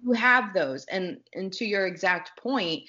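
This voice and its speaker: A woman's voice: mid-range voice, lively intonation, measured pace, sharp tone, muffled recording. A woman co-hosting a talk show, giving casual, emphatic coaching advice and often posing rhetorical questions. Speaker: podcast co-host and self-care coach.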